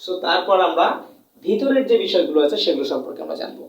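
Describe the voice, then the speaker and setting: A man from Bangladesh teaches Chinese in a classroom lesson held in Bengali, repeating points, answering his own questions, and drawing out sounds to demonstrate tones. His high-pitched voice swings widely and moves quickly. The room echoes, the mic is distant, and the highs are cut off.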